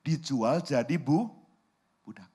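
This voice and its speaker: A man pastor preaching a sermon, telling a lively story and often addressing the congregation directly. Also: mid-range voice, takes it slowly, husky. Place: church.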